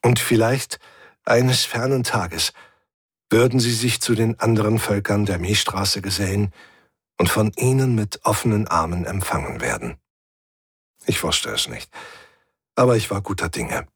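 A man narrating a first-person science-fiction audiobook in a calm, measured, reflective way. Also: fairly low pitch, husky, no echo, studio quality.

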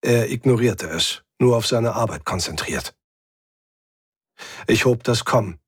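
A man's voice: a little slow, husky, no room sound, clean studio sound. A man narrating a first-person science-fiction audiobook, reading with tension and lifting his voice for the characters. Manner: tense, voices characters by pitching up.

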